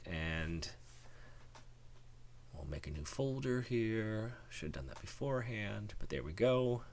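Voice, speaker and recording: A man hosting a software tutorial, talking casually through his screen recording with lots of ums and restarts. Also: low-pitched, dry recording. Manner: relaxed, rambling, many ums and restarts. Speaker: tutorial host.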